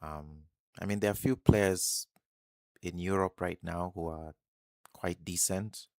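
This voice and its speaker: A man's voice: low-pitched, unhurried, gravelly, no echo, clean studio sound. A man from Kenya, hosting a live football watch-along and chatting casually while he reacts to the match. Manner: relaxed, musing, reacts to the match. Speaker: live stream host.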